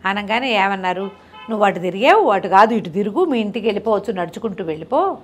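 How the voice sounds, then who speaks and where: A woman storyteller telling a folk tale in a lively, chatty way, with asides to her listener. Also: medium pitch, fast, slightly rough.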